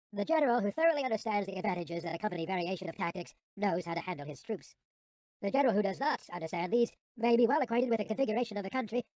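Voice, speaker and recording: A narrator with a sped-up, helium-like chipmunk voice reading an audiobook in a measured, formal way with falling phrase endings. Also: mid-range voice, darkish tone, no echo, poor audio.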